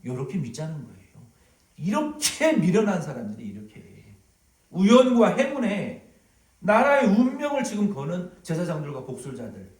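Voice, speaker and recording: A male pastor delivers a sermon with a lively, swooping delivery. He tells stories and acts out little sounds along the way. His voice is fairly high and comes from some distance in a roomy church hall. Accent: Korean, Jeolla dialect touches. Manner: animated, storytelling, acts out sounds. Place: large church sanctuary. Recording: echoey hall, from far off.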